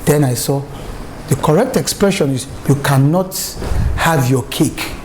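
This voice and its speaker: A middle-aged man from Nigeria, raised in Lagos, gives a lively, emphatic talk on public speaking, weaving in stories. His voice is on the high side and a little slow, and the background is noisy.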